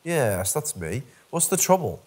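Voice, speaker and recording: A man voicing a polite, old-fashioned elderly male farmer who is secretly a monster, with a husky voice. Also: medium pitch, big pitch swings, measured pace, a little mellow. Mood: courteous. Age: older.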